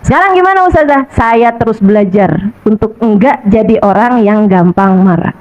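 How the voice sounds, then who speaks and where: A woman's voice: fairly high pitch, lively intonation, normal speed, muffled recording. A woman preacher giving a chatty, colloquial sermon, repeating rhetorical questions and acting out little quotes. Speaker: Islamic preacher. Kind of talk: colloquial sermon to a women's audience.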